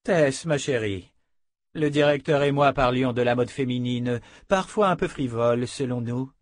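A man voicing a scheming, suave nobleman with slow, ironic courtesy. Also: mid-range voice, no echo, close to an everyday voice.

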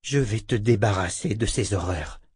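A man reading a calm, steady young man's lines in an audiobook, speaking low and reassuring. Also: normal speed, breathy edge, no room sound, clean studio sound. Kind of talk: audiobook character voice.

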